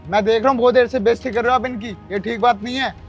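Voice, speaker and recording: A woman doing a low-voiced male vegetable seller. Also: fairly even intonation, fast, highs cut off, faint music behind, close to an everyday voice. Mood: reproachful.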